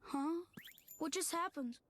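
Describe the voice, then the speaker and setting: A woman voicing a timid, gentle young boy who speaks softly and hesitantly, with loud game music behind. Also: high-pitched, a little slow, no echo. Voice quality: soft, hesitant. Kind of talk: video game voice acting.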